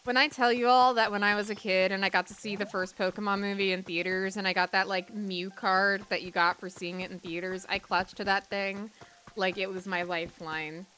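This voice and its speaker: A woman in her thirties streaming a video game live, chatting to viewers in an excitable, exclamatory way. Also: mid-range voice, brisk, a little hiss or hum. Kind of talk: live gameplay stream chat.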